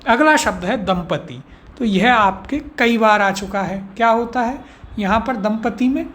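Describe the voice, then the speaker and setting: This Indian man is a Hindi teacher giving an exam-course spelling lesson, taking each word in turn and asking rhetorical questions ahead of the answers. He speaks at a measured pace in a high-pitched, slightly bright voice, over slight background noise.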